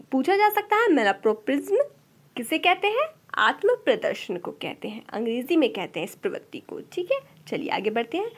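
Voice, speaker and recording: A woman teaching an exam-prep lecture, asking rhetorical questions and answering them herself. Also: high voice. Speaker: Sanskrit teacher.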